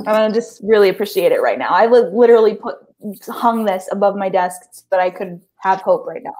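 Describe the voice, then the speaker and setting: A woman's voice: medium pitch, fairly quick, a little mellow. A woman on a video call, sincere and giggly, in a casual faith chat.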